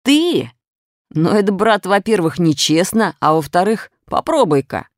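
A woman voicing a big, good-natured, slow schoolboy who talks plainly in a storybook reading. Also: medium pitch, big pitch swings, no echo, clean studio sound, voice pushed up. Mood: indignant.

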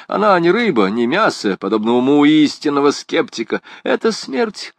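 A man's voice: sing-song, dry recording. A man voicing a flighty, rambling poet. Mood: musing. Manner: high-pitched, fast-shifting, wry and theatrical. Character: excitable, rambling, philosophizing male poet, young adult. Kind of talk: audiobook character reading.

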